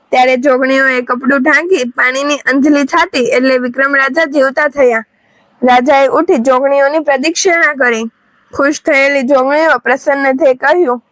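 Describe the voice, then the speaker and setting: A woman narrating a moral folk tale in a steady, measured storytelling manner. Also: high voice, no echo, poor audio.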